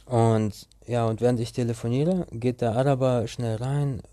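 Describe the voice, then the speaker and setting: A young man tells a story in casual, slangy speech, rambling and restarting as he goes. His voice is mellow and dark, at a middle pitch. The sound is dry and close, with no room around it. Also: steady tone, normal speed, no room sound.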